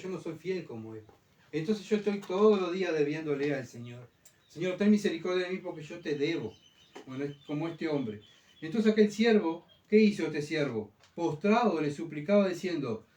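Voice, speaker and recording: A man's voice: a little high, darkish tone. A male pastor preaching a sermon, asking the church rhetorical questions and repeating his key phrases. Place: church hall. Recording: roomy church sound, mic far off.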